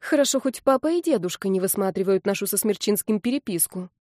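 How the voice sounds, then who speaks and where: A woman's voice: mid-range voice, lively intonation, fast talker, darkish tone, no room sound. Woman narrating an audiobook, dry sound. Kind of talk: first-person audiobook narration.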